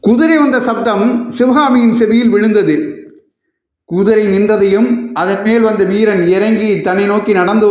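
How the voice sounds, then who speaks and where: A man narrating a historical novel as an audiobook, with steady, expressive storytelling. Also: high-pitched. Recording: echoey room, slightly dull sound.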